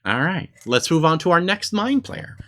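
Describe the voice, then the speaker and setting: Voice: mid-range voice, big pitch swings, normal speed, fairly bright tone. A game master explaining and narrating a tabletop game in a playful, casual way, with a slight lisp. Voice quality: slight lisp from fake teeth.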